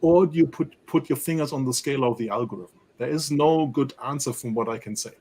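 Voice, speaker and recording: A man with a German accent speaking as an analyst guest in a panel discussion, animated and peppering his points with rhetorical tag questions. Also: medium pitch, brisk. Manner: animated, rhetorical "right?" tags.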